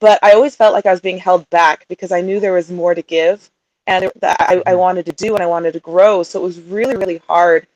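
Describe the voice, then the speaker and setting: A woman in her thirties with a lowish, fairly even voice talks briskly as a guest in a casual interview, laughing often while warmly telling stories about her life. She's a coaching client from Utah who was also raised in Sweden and England. There's no room sound, but the audio quality is poor.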